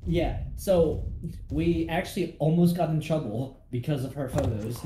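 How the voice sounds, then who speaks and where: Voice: mid-range voice, unhurried, soft background music. A young adult streamer chatting casually, telling a story and acting out the people in it. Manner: animated, acts out quoted people mid-story. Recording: echoey room with faint noise.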